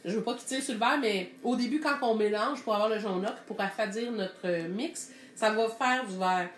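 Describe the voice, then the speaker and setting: A woman's voice: medium pitch, moderate pace, reverberant. Chatty Québécois woman teaching painting. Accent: Québécois French. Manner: thinks aloud while mixing paint, chatty and explanatory. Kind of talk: live online painting lesson.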